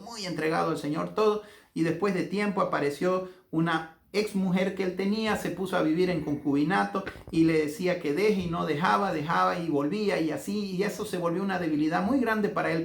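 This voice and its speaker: A man with a Bolivian accent preaching as a pastor, fervent and slowing into drawn-out emphatic phrases as he leads a prayer. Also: fairly high pitch, vocal fry. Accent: Bolivian Spanish. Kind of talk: sermon with guided prayer. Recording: echoey room with faint music.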